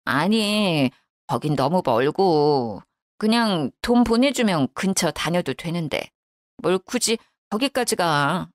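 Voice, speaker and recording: A woman's voice: lowish voice, expressive, slow pace, no echo, studio quality. A woman voicing a grumbling older widowed mother-in-law who talks bluntly and reproachfully. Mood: sulky.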